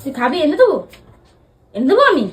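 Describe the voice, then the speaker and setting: A woman with a very high voice that leaps around in pitch argues with her sister in a casual home vlog. She talks back, teases and swears freely. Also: big pitch swings, fast talker. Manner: argumentative and teasing, swears freely. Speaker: younger sister in a family vlog. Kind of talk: casual family squabble.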